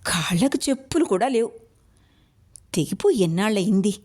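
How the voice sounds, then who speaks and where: A woman's voice: medium pitch, animated, moderate pace, a little mellow, natural voice. A woman reading a story aloud, voicing a grumbling, caring older village wife. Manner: grumbling, nagging.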